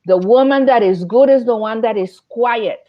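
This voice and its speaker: A woman's voice: a little high, moderate pace, lo-fi sound. A woman speaking as a panel guest, making her points emphatically and building them through repetition. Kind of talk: panel discussion.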